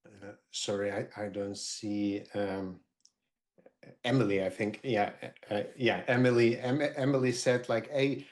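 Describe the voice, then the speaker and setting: A middle-aged man, speaking as a marketer on a group video call, halting with many fillers and restarts. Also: mid-range voice. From Lithuania. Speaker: roundtable participant, marketer.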